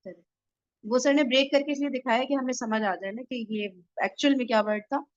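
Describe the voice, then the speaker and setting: A woman's voice: high-pitched, fairly even intonation, a little fast, no echo, lo-fi sound. A woman tutoring a grammar class, explaining points again in a reassuring way and checking that everyone follows. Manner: reassuring, checks understanding with tag questions.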